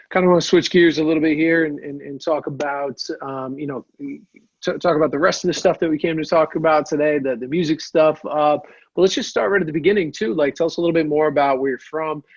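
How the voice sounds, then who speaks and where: A man's voice: on the high side, quick pace, husky, no echo, lo-fi sound. A man hosting a podcast interview casually, friendly and affirming, with stumbling restarts. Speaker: podcast host.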